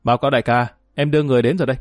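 A man's voice: medium pitch, steady tone, racing, no room sound, studio quality, lightly acted. A man voicing a deferential male henchman reporting to his boss. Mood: servile. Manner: servile reporting.

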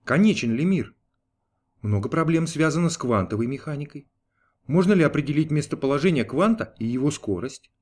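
A man's voice: on the high side, expressive, brisk, a little mellow. A man playing a patient, deferential archangel. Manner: polite, restrained, formal. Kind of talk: audiobook character voice.

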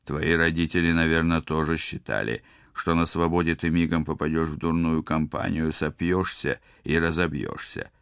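Man playing a calm, firm ship captain. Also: extremely low pitch, normal speed, vocal fry, hardly any pauses, clear, resonant tone, no room sound, studio quality, exaggerated voice.

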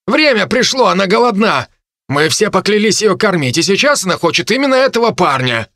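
A man reading an audiobook plays a burly, hard-drinking gang leader with a loud, rough manner. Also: high-pitched, sing-song, a little fast, no room sound, studio quality, pitched above the performer's own voice, heavily acted. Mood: blunt.

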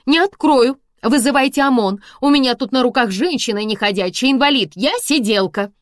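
A woman putting on a shrill, flustered housekeeper. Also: lively intonation, moderate pace, no room sound, studio quality, natural voice. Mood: panicked. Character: flustered, chatty female housekeeper, middle-aged. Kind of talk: audiobook character voice.

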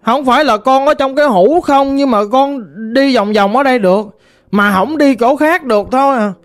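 A woman voicing the vengeful ghost of a murdered teenage girl, pleading slowly in a Southern Vietnamese accent. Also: high-pitched, close to an everyday voice. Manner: pleading, slow and plaintive.

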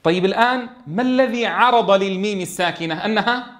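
A man's voice: high-pitched, fast, fairly bright tone. A man teaching a tajweed lesson in a classroom, keeps asking his students questions and answering them himself. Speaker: Quran recitation teacher.

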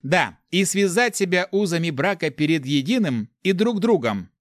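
A man's voice: sits high, animated, moderate pace, dry recording, clean studio sound, pitched above the performer's own voice. A man voicing a playful young male thief who teases and makes grand speeches. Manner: teasing, grandly theatrical.

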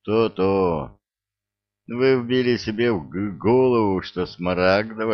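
A man reading the part of a composed mature detective who speaks calmly and firmly. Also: lowish voice, gravelly, muffled recording, full character voice. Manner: calm, firm, reassuring.

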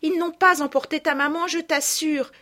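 A woman reading a storybook, voicing an eager, brave young girl with a high, urgent manner. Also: fairly even intonation, moderate pace, pushed and bright. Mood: overjoyed.

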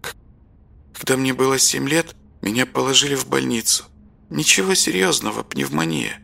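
A man's voice: medium pitch, expressive, normal speed, creaky, bright, forceful tone, exaggerated voice. Man voicing a hysterical tearful young woman. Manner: sobbing, stammering. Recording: music bed behind voice.

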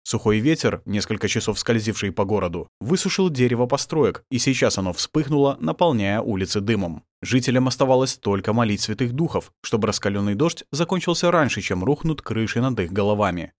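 A man reads an audiobook with dramatic expression and a lively, varied pitch. The sound is dry and close, with no room around it. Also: brisk, few pauses, no room sound. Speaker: audiobook narrator. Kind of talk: scripted narration.

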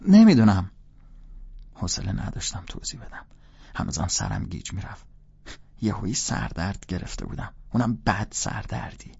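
Male audiobook narrator, casual first-person storytelling; husky tone, slightly muffled recording. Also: on the low side, darkish tone.

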